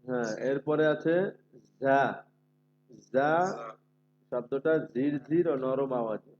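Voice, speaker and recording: A man's voice: mid-range voice, normal speed. A man leads an online recitation class, patiently drawing out each letter sound and repeating it for the students. His voice comes through slightly muffled, with a faint hum underneath. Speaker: Quran recitation teacher.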